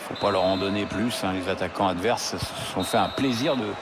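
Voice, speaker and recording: A man's voice: low-pitched, fairly quick, very noisy. A man analysing play as co-commentator in a football video game. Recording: loud stadium ambience behind voice.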